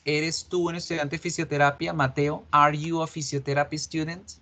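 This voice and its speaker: A man, teaching an online English class. His voice sits a little high, and he explains patiently, repeating examples slowly. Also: little pitch movement, pushed and bright.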